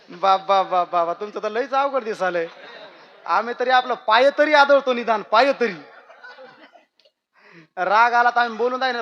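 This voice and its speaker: A man's voice: extremely high pitch, muffled recording. A man preaching a humorous devotional kirtan sermon, telling rustic jokes and chanting verses.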